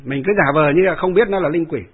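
A fairly high, husky male voice, a Buddhist monk rambling through a story with fillers and repetitions. The sound is narrow and phone-like, as if heard over a radio. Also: quick pace. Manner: rambling, with many filler sounds and repeated phrases.

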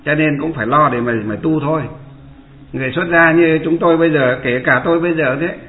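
A man's voice: a little high, quick pace. A man, a Buddhist monk giving a dharma talk and asking his listeners rhetorical questions. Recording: echoey room over a tinny line.

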